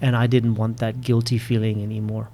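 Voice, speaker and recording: A man in his late thirties with a stutter, repeating word starts, speaking slowly and reflectively as a podcast guest. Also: mid-range voice, level tone, dark tone, slight background noise. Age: 30s. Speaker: public speaking coach. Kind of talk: podcast interview.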